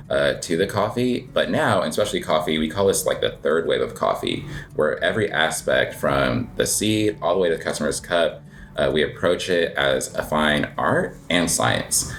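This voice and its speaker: This American man, likely in his thirties and a native English speaker, has a bass voice and talks at normal speed over slight background noise. He's an interview guest, a cafe owner and coffee competitor, chatting casually about coffee in a relaxed, rambling way full of filler words and self-deprecating laughs.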